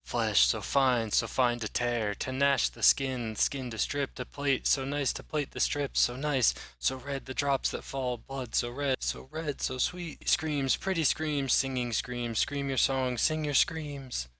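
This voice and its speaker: A man's voice: mid-range voice, steady tone, unhurried, few pauses, bright, forceful tone. A man playing a crazed, cursed old mayor. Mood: eerie muttering. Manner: mutters gory chants, then shrieks in panic.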